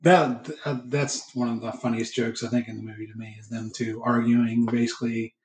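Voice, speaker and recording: A man's voice: medium pitch, flat delivery, moderate pace, a little mellow. A man hosting a casual film chat in a hesitant, rambling way. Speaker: podcast host. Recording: echoey, roomy sound.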